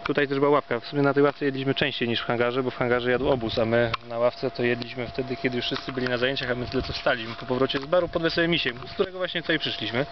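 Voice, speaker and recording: Polish male, mid-pitched, wry mock-formal tour guide reminiscing casually; dull outdoor sound with clear background noise. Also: steady tone, very fast, few pauses. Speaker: vlogger giving an on-site tour. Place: outdoors at a former campsite. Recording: dull lo-fi outdoor recording, loud ambient noise.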